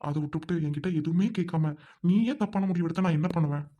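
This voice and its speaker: Brief: man playing a firm young groom, rapid delivery, warm dark tone, forceful when angry. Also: fairly high pitch, lightly acted. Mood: reassuring. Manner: forceful scolding, then gently reassuring. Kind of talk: amateur audio drama.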